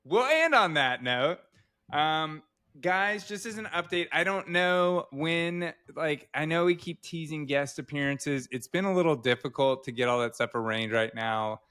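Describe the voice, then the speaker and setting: Bright, rambling man. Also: fairly high pitch, measured pace, clean tone. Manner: rambling, filler-heavy, animated. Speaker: podcast co-host, physician. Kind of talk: casual podcast chat.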